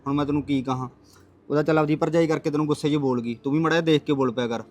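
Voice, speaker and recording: A man's voice: on the high side, steady tone, racing, darkish tone, close to an everyday voice. A man playing a young husband caught between his wife and his father, talking in a pleading, placating way. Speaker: son and husband.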